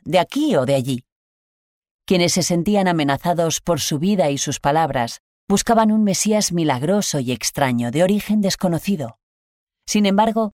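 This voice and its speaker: A reader with a Spain Spanish accent, slowly and solemnly reading a Gospel passage and a reflection on it. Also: medium pitch, darkish tone, no echo, studio quality. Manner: measured, solemn, deliberate phrasing. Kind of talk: scripted liturgical reading.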